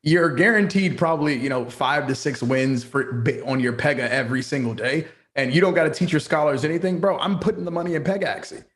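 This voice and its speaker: A man's voice: on the high side, fairly quick, few pauses. Playful man talking frankly in a chat. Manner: animated, playful, talks frankly with slangy asides. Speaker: guild founder guest. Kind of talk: casual chat.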